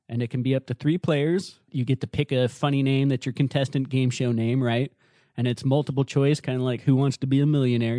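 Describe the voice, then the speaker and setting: A man's voice: mid-range voice, mellow, no echo, clean studio sound. A man co-hosting a casual podcast, chatting about retro video games with enthusiastic, jokey asides. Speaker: podcast co-host.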